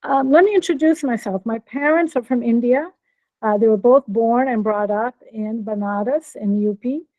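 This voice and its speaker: A woman's voice: fairly high pitch, moderate pace, darkish tone, no room sound, low-quality recording. A woman with an American accent, a professor giving a friendly keynote talk over a video call and checking in with her listeners. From born in Norway, raised in Brazil. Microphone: computer mic on video call.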